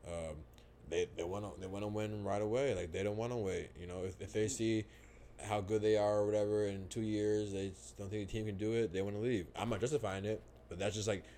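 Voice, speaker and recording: A man's voice: fairly low pitch, fairly even intonation, fairly quick, dark tone, slight background noise. A young man in casual sports talk, laid-back and hesitant, often repeating words. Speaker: podcast co-host.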